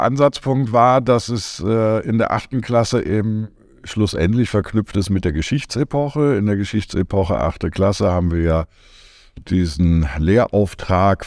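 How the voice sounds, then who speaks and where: A man's voice: rumbling low, darkish tone, no echo, studio quality. A middle-aged man, a media education consultant, explaining his teaching in a podcast interview, thoughtful with many fillers. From Germany.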